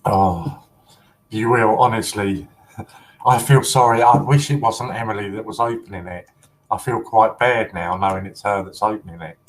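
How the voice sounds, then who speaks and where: A man's voice: on the low side, moderate pace, poor audio. Giggly man chatting on a livestream. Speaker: collector livestream host. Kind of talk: casual livestream chat.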